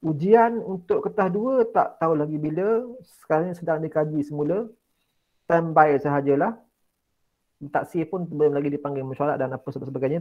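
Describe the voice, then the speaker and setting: Malaysian man teaching with dull lo-fi sound. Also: high-pitched. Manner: coaxing, repeats key words, recites Quran slowly. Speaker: Islamic studies teacher. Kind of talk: online exam-prep lesson. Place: indoors, online class.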